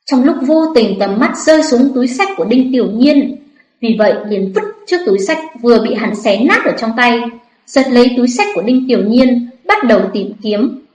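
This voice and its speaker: A woman reads a story aloud with lively expression. Her voice sits fairly high. The recording has a roomy echo around it. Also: moderate pace. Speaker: audiobook narrator. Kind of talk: storytelling audiobook narration.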